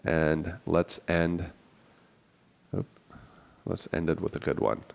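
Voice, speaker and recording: Low-voiced man, nasal podcast host. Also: flat delivery, slow, creaky. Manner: chatty, rambling, self-deprecating, laughs often. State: nasal from a stuffy nose. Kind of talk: casual solo podcast talk with phone calls. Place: small office.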